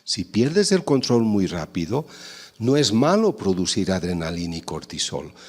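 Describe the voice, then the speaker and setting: A man's voice: low voice, big pitch swings, measured pace, darkish tone, husky. A man giving a lecture, explaining ideas and acting out little family dialogues to make his points. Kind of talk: conference talk. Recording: long hall reverb.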